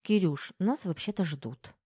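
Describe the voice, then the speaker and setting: A woman's voice: lowish voice, lively intonation, a little slow, warm tone, husky, dry recording, clean studio sound. Feisty young woman, as a narrator puts her on. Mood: playful indignant. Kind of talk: audiobook character voice.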